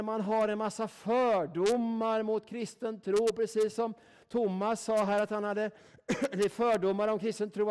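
A man preaching with a noticeably high voice. He talks in a folksy, emphatic way, driving his points home and checking in with the listeners with a quick "right?" at the end of his sentences. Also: a little mellow, clear, resonant tone. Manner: folksy, emphatic, keeps asking "va?". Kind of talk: sermon.

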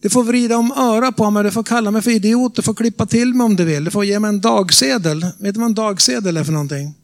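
High-voiced Swedish preacher from Norrland. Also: male voice. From Norrland, Sweden. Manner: dramatic storytelling, asks the audience questions. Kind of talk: sermon testimony.

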